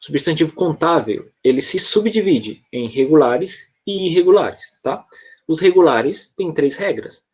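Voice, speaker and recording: A man's voice: fairly high pitch, expressive, unhurried, a little mellow, breathy edge. A Brazilian man teaching an online English class, explaining patiently and often checking in with the students.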